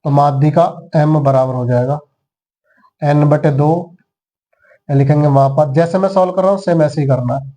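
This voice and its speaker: A man's voice: a little high, fairly even intonation, normal speed, long pauses, warm tone. A man teaching maths who talks students through each step and counts the items aloud. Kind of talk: classroom lesson.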